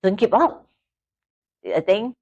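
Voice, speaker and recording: A woman's voice: mid-range voice, animated, slow, a little mellow, husky, no room sound, poor audio. A Malaysian woman in her fifties whose first language is Chinese, a guest telling her life story in broken, simple English and laughing often. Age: 50s. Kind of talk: casual interview storytelling.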